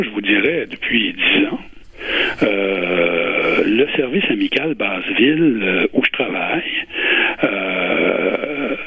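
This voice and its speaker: A man in his sixties with a Quebec French accent, giving earnest, deliberate interview answers and pausing to search for his words. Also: mid-range voice, breathy edge. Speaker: interview guest, retired public servant and volunteer. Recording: muffled phone-like radio line with echo.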